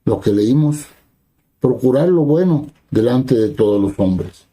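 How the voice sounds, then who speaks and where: Dark-voiced male preacher. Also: medium pitch, lively intonation, unhurried, breathy edge, poor audio. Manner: reads scripture aloud, then explains it in plain conversational words; asks the listeners brief rhetorical questions. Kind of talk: sermon.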